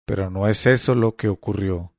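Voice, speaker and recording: A man narrating a story in an expressive audiobook reading. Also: fairly low pitch, normal speed, vocal fry, no echo, studio quality.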